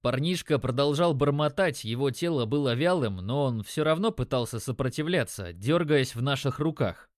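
A man narrating a story in a steady, measured audiobook style. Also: mid-range voice, no room sound, clean studio sound.

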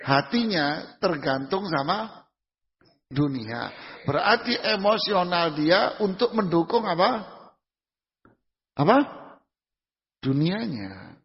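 This Islamic preacher has a high voice with big pitch swings, speaking slowly and pausing often. In a lecture hall he gives a conversational religious talk, posing questions to the audience and answering them himself with everyday examples in casual speech. The recording is dull and lo-fi, with the hall's reverberation audible.

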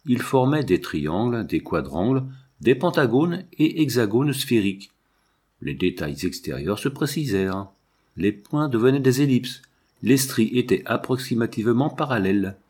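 A man narrating a novel as an audiobook reading, in a measured literary way. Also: mid-range voice, very animated, darkish tone, husky.

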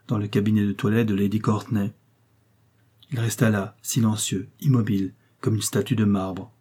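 A man reading a classic novel aloud in a measured, sober storytelling manner. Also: fairly low pitch, mellow, slightly rough. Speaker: audiobook narrator. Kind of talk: literary audiobook narration.

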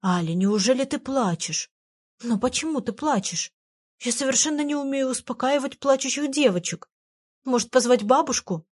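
A woman reading a storybook voicing a tiny girl fairy who is excitable, naive and chatters rapidly. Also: mid-range voice, lightly acted. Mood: bewildered. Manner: rapid chattering, easily startled.

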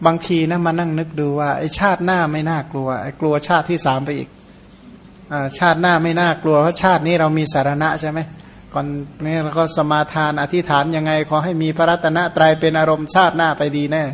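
A man's voice: on the high side, little pitch movement, fairly quick, slight background noise. A male Buddhist monk from Surin, Thailand, with Khmer as his first language, giving a Dharma sermon in an easygoing, conversational way, full of rhetorical questions and folksy asides.

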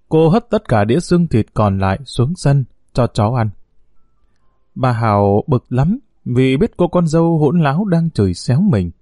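A man narrating a scripted audio story in a steady storytelling manner. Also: mid-range voice, dry recording, studio quality.

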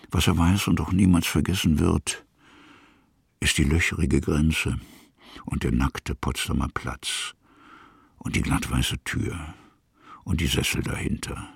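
An actor voices a musing male storyteller narrating a literary radio drama, his gravelly, husky voice rumbling low in measured, fragmentary phrases. The performance is exaggerated, and the recording is dry and clean, with studio sound.

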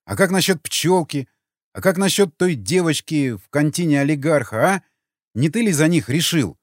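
A man reading the lines of an earnest, agitated young man in an audiobook, heated and accusing, with a lively pitch and a dry sound. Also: normal speed, no echo, close to an everyday voice.

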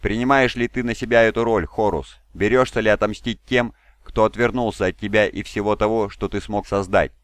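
A man's voice: lowish voice, fairly even intonation, a little fast, dry recording, close to an everyday voice. A man voicing a bold, cheeky young male warrior who speaks forthrightly. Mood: solemn.

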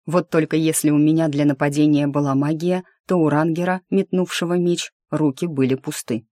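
A woman's voice: low voice, normal speed, dry recording, studio quality. Wry woman narrating a fantasy audiobook. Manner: lively, wry first-person storytelling.

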